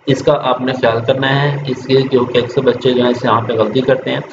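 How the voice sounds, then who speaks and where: A man teaching a reading lesson to children online. He spells out syllables slowly, then explains patiently. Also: medium pitch. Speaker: Quran teacher. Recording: echoey room, dull lo-fi sound with steady noise.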